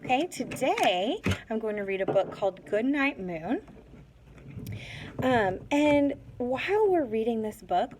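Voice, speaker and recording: A teacher reads a picture book aloud to young pupils, using simple, instructive phrases. Her voice is a little high, with noise in the background.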